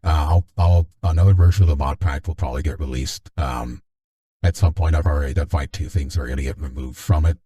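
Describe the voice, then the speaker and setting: A man hosting a casual stream through a voice changer that makes his voice deep, rambling and joking with many restarts. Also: quick pace, mellow. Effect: deepened voice changer. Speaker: stream host.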